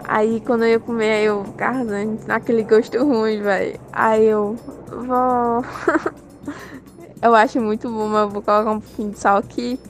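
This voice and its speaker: A young woman tells an easygoing story in a fairly high, flat voice. Music plays clearly underneath her. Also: unhurried. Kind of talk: casual group chat.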